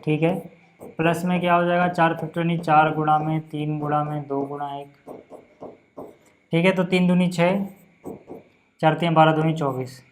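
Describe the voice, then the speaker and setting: A young man teaching a casual maths lesson, patient and chatty, checking in often and slowing down to count out each step. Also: on the high side, flat delivery. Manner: slows down to count out steps.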